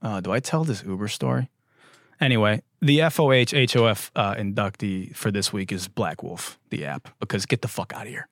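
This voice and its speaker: A man's voice: lowish voice, fairly quick, fairly bright tone, dry recording, studio quality. A man hosting a comedy talk podcast, sarcastic and profane, laughing often between jokes. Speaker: podcast host.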